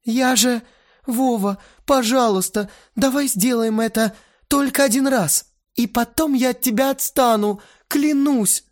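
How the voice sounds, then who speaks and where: A man's voice: extremely high pitch, a little slow, pitched above the performer's own voice. A man voicing an emotional, volatile young woman who pleads and sobs, reading an audiobook. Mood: tearful. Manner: pleading, sobbing, switching to rage.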